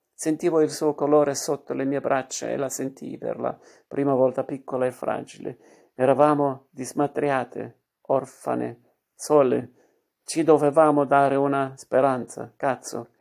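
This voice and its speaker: A man narrates a literary story in a measured, expressive manner. His voice has a gravelly, creaky texture at a middle pitch. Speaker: reader.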